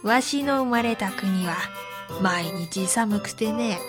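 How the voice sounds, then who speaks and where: A woman voicing a kindly, poor old male painter who speaks in an old man's gentle, pleading way. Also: mid-range voice, slow pace, voice pushed down, lightly acted. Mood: warm. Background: faint music.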